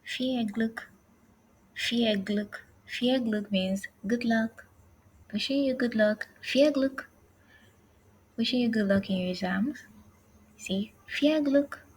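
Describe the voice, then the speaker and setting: A woman teaching an online language lesson, speaking slowly and carefully and saying each phrase twice. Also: on the high side, slight background noise, rough recording.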